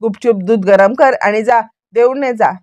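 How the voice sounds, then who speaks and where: A woman's voice: fairly high pitch, normal speed, darkish tone, muffled recording, lightly acted. A woman reading out the lines of a scheming, sarcastic middle-aged man from a television serial, in a mocking, taunting tone.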